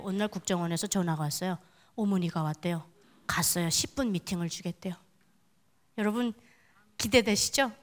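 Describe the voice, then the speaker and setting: A woman's voice: on the high side, fairly bright tone. A young woman from Korea, giving a dramatic, vivid testimony at a prayer meeting and speaking straight to the audience. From North Korea. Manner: vivid, dramatic storytelling that addresses the audience directly. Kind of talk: testimony sermon.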